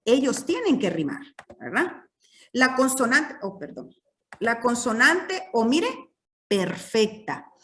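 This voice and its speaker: A woman's voice: a little high, big pitch swings, slow pace, a bit bright, distant mic. A woman teaching a literature class, explaining patiently and checking in with her students often.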